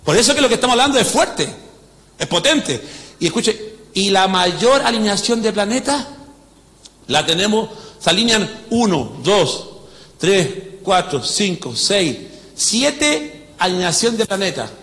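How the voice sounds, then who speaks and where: A man's voice: sits high, sing-song, a little slow, fairly bright tone. A man preaching as a pastor, emphatic, often asking the congregation if they follow. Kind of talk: animated preaching. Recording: long hall reverb.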